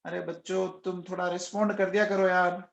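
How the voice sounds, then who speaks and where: Speaking fairly quickly with a flat, creaky, high voice, a man lectures a live online chemistry class in an echoey room. He coaxes and quizzes his students over and over, raising his voice to get answers and noting he's shouting nonstop.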